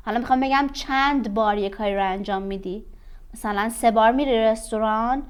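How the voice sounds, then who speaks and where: A woman with a Persian accent, teaching an English grammar lesson, rushing through explanations and then reading example sentences slowly and deliberately. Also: on the high side, smooth. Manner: switches between rapid explanation and slow, deliberate reading aloud.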